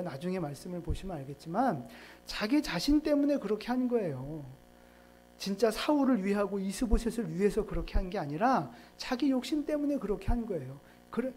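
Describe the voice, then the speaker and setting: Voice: mid-range voice, mellow, a little hiss or hum. Conversational pastor preaching a sermon. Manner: conversational, asks the congregation questions. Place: church sanctuary.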